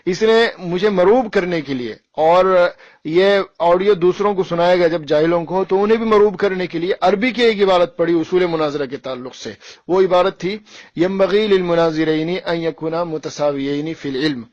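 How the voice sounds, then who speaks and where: A man's voice: high-pitched, a little mellow, dry recording. Man, Islamic cleric, polemical rebuttal, scornful rhetorical questions, dry dull recording.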